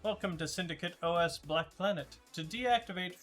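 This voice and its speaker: A man's voice: high-pitched, moderate pace, a bit bright, faint music behind, voice pushed up. A man voicing a glitching robotic computer system. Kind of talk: reading game text aloud while playing.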